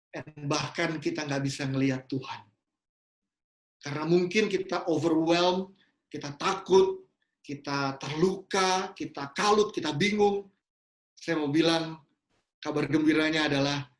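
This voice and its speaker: A man preaching a sermon in an earnest way, often dropping English phrases into his talk. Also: a little high. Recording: roomy echo.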